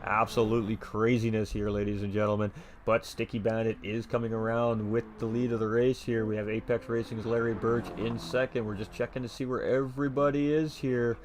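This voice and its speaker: Man, race stream commentator, lowish voice, faint hiss behind. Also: a little fast. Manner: excitable, chatty, reads chat aloud. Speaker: sim racing commentator.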